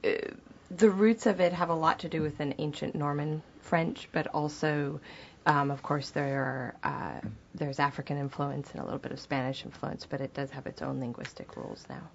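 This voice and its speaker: A woman from Haiti with a very low voice, a native Haitian Creole speaker, explains things in a calm, measured way during a casual interview. The audio is dull and lo-fi, with faint noise behind it. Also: vocal fry. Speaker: guest, restaurant co-owner.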